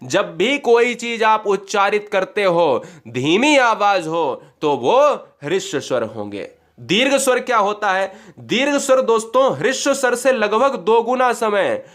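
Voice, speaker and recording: A man's voice: high-pitched, big pitch swings, unhurried, fairly bright tone. A man teaching an exam-prep grammar lesson, asking and answering his own questions and drawing out sounds to demonstrate them.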